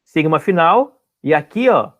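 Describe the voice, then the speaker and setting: A man's voice: on the high side, very animated, measured pace, fairly bright tone. A man teaching an online class, explaining step by step and often checking that his students follow.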